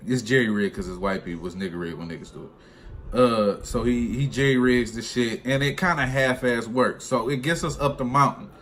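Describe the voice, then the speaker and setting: For a vlog, a young man who works as a truck driver tells his own story in a lively, casual, slangy manner. His mid-range voice moves fairly quickly, over clearly noisy room ambience.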